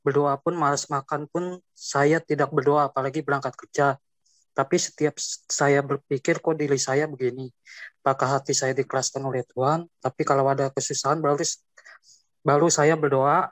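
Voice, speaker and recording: A man reads a listener's question aloud on an online call. His delivery is slow, his pitch stays flat, and the sound is dry and close. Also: no room sound. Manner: slow, even reading. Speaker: caller reading a question. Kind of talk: reading a message aloud.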